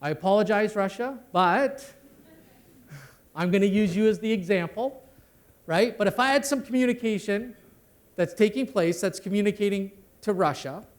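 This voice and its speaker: A man's voice: sits high, normal speed. A middle-aged man giving a conversational conference talk on network security, ending many sentences with "right?". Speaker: conference speaker. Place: conference hall.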